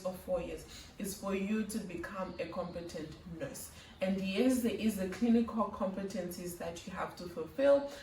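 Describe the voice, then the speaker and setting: A woman's voice: mid-range voice, a little mellow, a little hiss or hum. A young woman vlogging advice on nursing school, earnest and instructive as she lists tasks. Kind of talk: advice vlog talking to camera. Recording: roomy, slightly distant mic.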